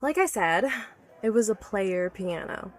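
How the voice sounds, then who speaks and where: With a medium-pitched voice, lively intonation and a measured pace, a woman performs the role of an obsessive, erudite inventor for an audio drama. Enraptured and nostalgic, she describes her life's work with earnest articulacy, stammering whenever her subject overwhelms her with awe.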